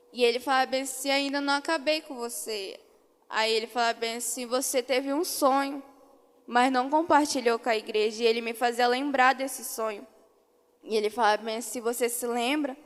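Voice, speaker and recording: A woman with a Brazilian accent giving a religious testimony, retelling a vision in slow, repeated quoted phrases. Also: on the high side, clear, resonant tone. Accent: Brazilian Portuguese. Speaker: church member giving testimony. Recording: long hall reverb.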